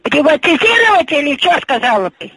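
A woman's voice: high voice, very animated, brisk, fairly bright tone, dry recording, rough recording. An older woman on the phone who cannot hear well, repeating herself in confusion.

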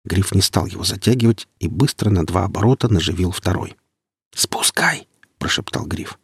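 A man reading an audiobook in a steady, measured way. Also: sits low, breathy edge, no echo, clean studio sound. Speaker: audiobook narrator. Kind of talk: audiobook narration.

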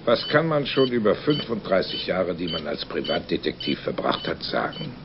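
An actor playing a proud older private detective, formal, courteous and dismissive, in a mystery drama. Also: male voice, low voice, huge pitch swings, moderate pace, heavily acted. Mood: musing. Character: Poirot, proud older male private detective, brooding over memoirs. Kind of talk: dubbed mystery drama acting. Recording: dull band-limited audio with clear noise.

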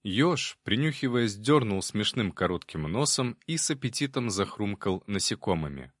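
A man with a lowish voice narrates an audiobook in a calm, measured way. His delivery is lively in pitch, and the recording is dry and close. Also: dry recording. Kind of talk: scripted narration.

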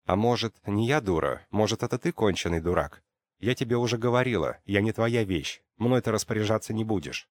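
A man voicing a stubborn, sharp-tongued young woman who answers with biting sarcasm. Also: lowish voice, lively intonation, a little fast, a little hiss or hum, voice pushed up, lightly acted. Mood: defiant.

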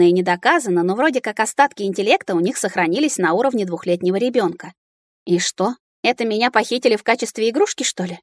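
Woman reader, mid pitch, lively first-person fantasy narration, close and dry. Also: no room sound. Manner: expressive, lively storytelling. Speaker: audiobook reader.

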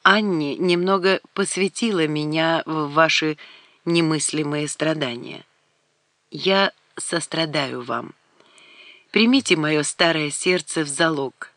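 A woman reader voicing an old, courteous and protective baron, speaking softly and earnestly. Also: sits low, slow, no echo. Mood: tender.

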